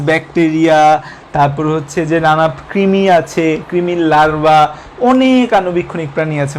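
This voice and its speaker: Young male tutor, high-pitched, repetitive Q-and-A lecture style, faint noise floor. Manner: repetitive question-and-answer teaching, code-mixing English terms. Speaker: biology teacher. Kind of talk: online lecture.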